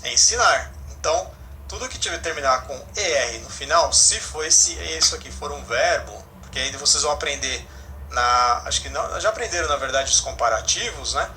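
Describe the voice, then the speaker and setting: Male English teacher, fairly high and bright voice, patient explainer, faint background hiss. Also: lively intonation, normal speed. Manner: explanatory, frequent "né?" and self-corrections. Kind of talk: online class explanation.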